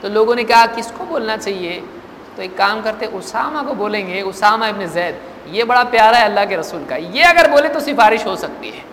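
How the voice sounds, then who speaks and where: A male preacher delivers a sermon to a gathering. He draws out recited Arabic lines slowly, then drops into relaxed, conversational explanation full of rhetorical questions. The recording rings with a long hall echo over a faint background noise. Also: sits high. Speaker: religious preacher. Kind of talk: Islamic sermon.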